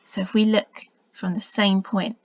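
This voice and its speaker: A woman, a science teacher narrating a recorded video lesson, explaining patiently and muttering quiet asides as she draws. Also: mid-range voice, little pitch movement, a little slow, vocal fry, no echo. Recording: dull lo-fi dry recording.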